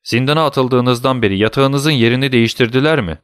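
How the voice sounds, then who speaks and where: Brief: male narrator as a curt, guarded old prisoner, dry and close, mid-pitched. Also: fairly bright tone, clean tone, dry recording, lightly acted. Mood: questioning. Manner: terse, questioning, hurried. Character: old male prisoner, muffled voice through a wall, cautious.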